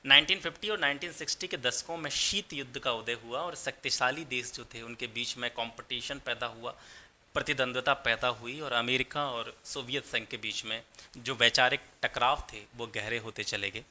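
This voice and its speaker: A man's voice: medium pitch, normal speed, bright, forceful tone. A man teaching a history lesson for exam preparation, explaining points step by step and repeating key terms in both Hindi and English. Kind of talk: exam-prep history lecture.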